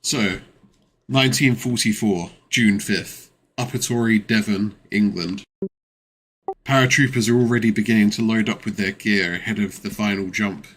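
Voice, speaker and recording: Man, game master, lowish voice, relaxed explanations, faint background noise. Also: normal speed. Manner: relaxed, explains rules patiently. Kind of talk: narrating a tabletop game.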